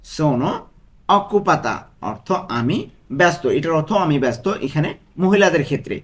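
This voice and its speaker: A man with a Bangladeshi Bengali accent teaching Italian phrases, repeating each one slowly and asking and answering his own questions. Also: fairly high pitch, sing-song. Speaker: language tutor. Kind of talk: Italian lesson taught in Bengali.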